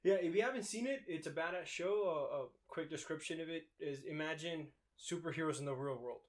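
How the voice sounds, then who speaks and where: A man's voice: on the high side, fairly quick. A young man from Mexico co-hosting a podcast in a laid-back, casual chat, swearing and laughing easily. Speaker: podcast co-host.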